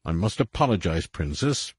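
A man's voice: sits low, expressive, normal speed, breathy edge, no room sound, studio quality. A man voicing a formal, pompous male general who blusters under pressure. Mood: apologetic.

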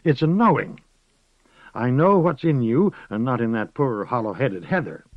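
Taking on the character of an elderly rustic village witch in an audiobook, a male narrator gives her a folksy, knowing ramble, with "dearie" for everyone and a rocking slide into chanted incantation. His delivery is medium-pitched, animated and at normal speed, pitched above his own voice yet natural. The audio is dry, dull and lo-fi.

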